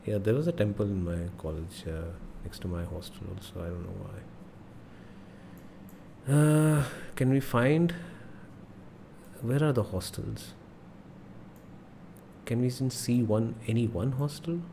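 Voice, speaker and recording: A young man with an Indian accent streams a game in a casual, exclamatory way. His voice sits at an average male pitch as he thinks aloud, and some noise runs behind him. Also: animated, measured pace, gravelly, long pauses, warm tone. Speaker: live streamer playing a geography guessing game. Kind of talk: casual live stream commentary. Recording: noticeable background noise.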